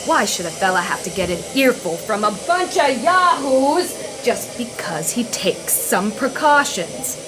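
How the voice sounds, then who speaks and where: In an audio drama, an actor plays a fussy, worried army sergeant who grumbles anxiously in a folksy, complaining manner. His mid-range voice is sing-song and unhurried, with hardly any pauses, and a clear hiss runs behind the recording.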